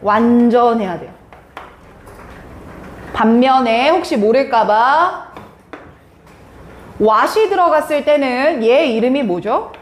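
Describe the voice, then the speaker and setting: Woman teacher, live classroom lesson, high lively voice, playful questioning, echoey room, faint hiss. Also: slow pace, long pauses. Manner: lively, questioning students, teasing. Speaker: English teacher.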